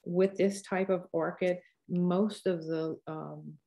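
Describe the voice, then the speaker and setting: An older woman in her sixties with a Cajun accent speaks in a fairly low voice. She gives a casual painting lesson, wandering in a folksy way from tip to tip as she thinks out loud. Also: fairly even intonation, slow pace, gravelly. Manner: rambling, folksy, thinks aloud while painting. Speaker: painting teacher. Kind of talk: casual live painting tutorial.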